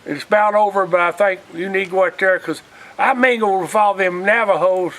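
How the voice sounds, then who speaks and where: On a low-quality recording, a high-pitched man talks a little fast with a slightly bright tone. Older, Southern and from Alabama, this retired union organizer rambles through easygoing recollections, frequently quoting conversations from long ago.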